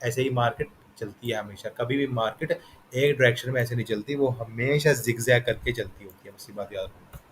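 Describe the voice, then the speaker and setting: A man's voice: mid-range voice, fairly quick, slight background noise, rough recording. Man teaching chart patterns, patiently repetitive. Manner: patient, repetitive, checks in with "theek hai na". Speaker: trading instructor. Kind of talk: explaining chart patterns in a lesson.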